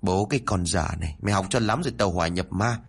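A man voicing a sharp-tongued young woman who scolds and mocks her friend in a storybook reading. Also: sits low, fast, breathy edge. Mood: mocking. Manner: scolding, mocking.

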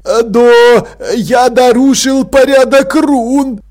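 A man's voice: very high voice, a little slow, darkish tone, voice pushed up. A man voicing a weepy, devout schoolboy who whimpers and sniffles as he talks. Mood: whimpering.

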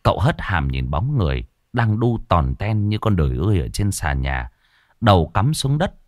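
A man's voice: deep voice, sing-song, moderate pace, darkish tone, no echo, studio quality. A man narrating a horror story in a dramatic, suspenseful way.

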